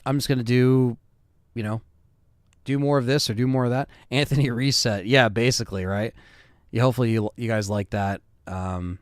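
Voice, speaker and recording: A man's voice: mid-range voice, steady tone, normal speed, clean tone, dry recording, clean studio sound. A man in his thirties hosting a live stream, chatting casually and reading viewer comments with loose fillers. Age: 30s.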